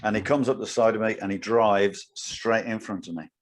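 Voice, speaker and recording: An older man, a podcast co-host telling an animated story in casual chat. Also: on the low side, normal speed. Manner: animated storyteller, acts out his own lines.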